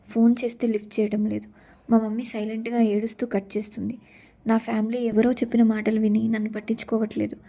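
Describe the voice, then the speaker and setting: A woman's voice: a little high, creaky, mellow. A young woman narrating her own story in the first person, earnest and sorrowful.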